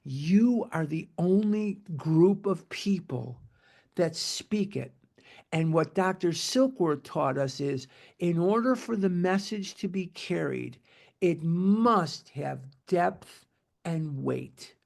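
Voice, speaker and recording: A man's voice: high-pitched, lively intonation, slow, vocal fry, a little mellow. A man of seventy leading a recovery meeting, talking earnestly and repeating himself for emphasis. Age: 70s. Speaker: meeting leader.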